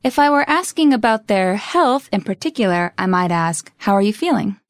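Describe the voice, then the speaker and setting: A woman's voice: medium pitch, animated, moderate pace, no room sound. Brief: female lesson co-host, easy conversational tone, dry close recording. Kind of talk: scripted lesson chat.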